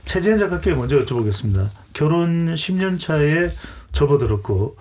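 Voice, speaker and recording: A man's voice: a little high, very animated, normal speed, a little mellow. A man hosting a broadcast panel discussion as moderator, introducing guests and putting questions to them. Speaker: host, debate moderator.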